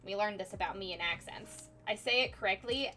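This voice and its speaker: A woman's voice: mid-range voice, a little fast, pushed and bright, slight background noise. A woman streamer chatting casually at home on her couch, rambling and poking fun at herself. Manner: rambling and self-deprecating, with frequent "like" fillers. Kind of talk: casual chat while drawing on a live stream.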